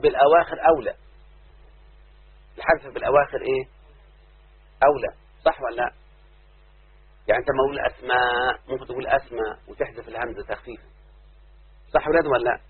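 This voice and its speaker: Husky Egyptian man teaching grammar. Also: medium pitch. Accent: Egyptian Arabic. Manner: keeps checking with questions. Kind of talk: grammar lesson. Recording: muffled phone-like audio.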